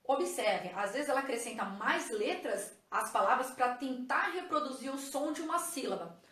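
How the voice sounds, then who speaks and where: A woman teaches a lesson in a high, clear voice. She explains patiently and keeps checking that her viewers follow. The room around her rings with echo. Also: expressive, moderate pace, a bit bright. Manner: patient, addresses viewers as "gente", checks with "ok?" and "tá vendo?". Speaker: teacher and educational psychologist. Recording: echoey room.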